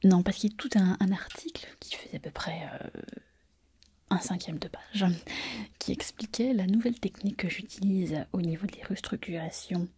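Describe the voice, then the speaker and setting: A woman's voice: mid-range voice, normal speed, warm tone, slightly rough. A woman whispering in an ASMR roleplay, playing a chatty, self-satisfied pregnant surgeon close to the mic. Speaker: ASMR performer.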